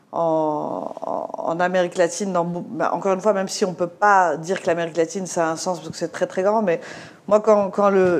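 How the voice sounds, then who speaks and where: A woman from Morocco with a slight Moroccan French accent speaks in a panel discussion, hesitant and full of fillers and restarts. Her voice sits on the low side with a slightly mellow quality.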